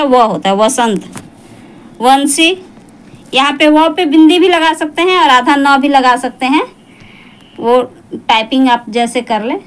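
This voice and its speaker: A woman teacher giving an exam-prep spelling lesson, repeating each word slowly to correct common mistakes. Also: sits high, fairly bright tone, poor audio.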